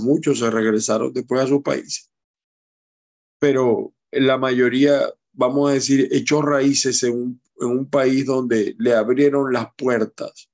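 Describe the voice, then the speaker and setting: A middle-aged man, hosting political commentary, slow and digressive with wry asides. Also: medium pitch, a little mellow. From Venezuela. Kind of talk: commentary on a news clip.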